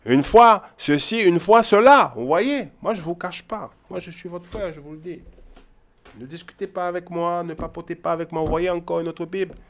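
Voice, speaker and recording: In a brisk, slightly high voice, a man delivers casual Bible teaching. He keeps repeating and stressing what he says, and he checks that his listeners follow with frequent "ok?" and "hein?"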